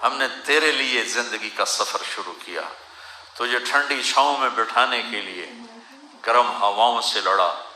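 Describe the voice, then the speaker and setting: Weeping preacher in an echoey hall. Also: male voice, medium pitch, sharp tone, slight background noise. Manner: tearful, pleading, recites verse in a rising lament. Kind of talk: emotional sermon.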